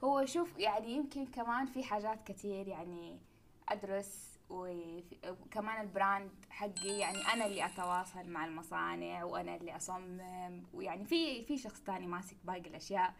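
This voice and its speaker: A woman's voice: fairly low pitch, gravelly, slight background noise. A young woman, a guest artist chatting candidly and easily over a phone mic. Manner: chatty, candid, quick-flowing. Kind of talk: casual chat in an audio room.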